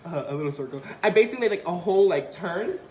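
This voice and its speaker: A man's voice: high voice, quick pace, reverberant, a little hiss or hum. A young man vlogger telling a story casually, acting out the quotes with energy. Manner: animated, acts out quotes.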